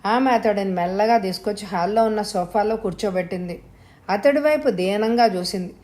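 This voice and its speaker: A woman reads a suspense story aloud in a steady, scripted narration. Her delivery is even and measured, building tension through pacing. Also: medium pitch. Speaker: audio story reader.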